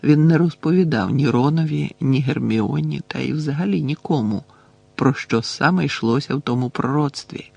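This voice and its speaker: A male audiobook narrator with a mid-pitched voice, reading in a measured, even way. He slows down on dramatic lines, and the recording is dry and close with no room sound. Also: vocal fry, husky, dry recording, soft background music.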